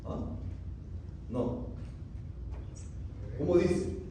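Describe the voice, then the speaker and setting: A man preaching a sermon, asking the congregation loud rhetorical questions and then dropping to quiet, solemn lines. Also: extremely slow. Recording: very echoey, distant from the mic, faint room noise.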